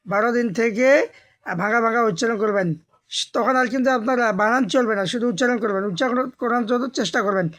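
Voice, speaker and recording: A woman teaching Quran reading. She spells each word letter by letter, chants the words slowly and drawn out, and explains patiently and repetitively to her learners. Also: on the high side. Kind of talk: step-by-step recitation lesson.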